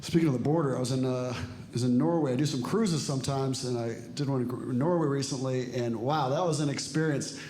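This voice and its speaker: A man's voice: medium pitch, brisk, a little mellow. A man in his forties doing a stand-up comedy set with a dry, self-deprecating delivery, acting out bits of dialogue. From Ecuador and El Salvador. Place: comedy club stage with a live audience. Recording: echoey room with audience noise.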